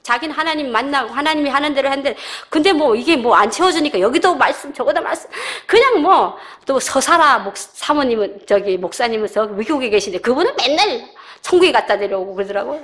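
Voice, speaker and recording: A middle-aged woman shares her church testimony in a slightly high voice. She tells her story with animated energy, acting out other people's voices and laughing along the way. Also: a little fast. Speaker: church member giving testimony. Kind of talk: personal testimony.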